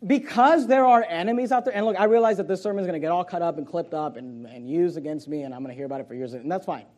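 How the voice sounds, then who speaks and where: A man preaching a sermon as pastor, emphatic and at times sarcastic, with quick swings in volume. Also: on the high side, darkish tone.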